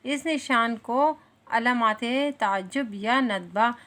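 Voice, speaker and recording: A woman with a Pakistani Urdu accent giving a school lesson, her voice sitting a little higher than most. She explains step by step, patient and unhurried, pausing often to find the next word. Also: a bit bright. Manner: patient explanatory delivery with frequent hesitations. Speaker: teacher.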